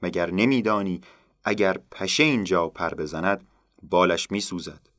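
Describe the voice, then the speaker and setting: A huge, boastful demon from a told folktale, voiced by a man. He booms out threats in a deep, low voice. The sound is dry and close. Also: a bit bright, dry recording. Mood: menacing. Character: huge boastful male demon guarding his lair.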